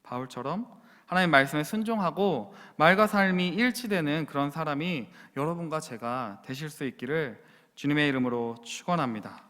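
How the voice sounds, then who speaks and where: Earnest pastor guy preaching, fairly high voice, keeps asking the pews questions, long church echo. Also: moderate pace, a bit bright. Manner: earnest, asks the congregation direct questions. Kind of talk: sermon. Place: church sanctuary.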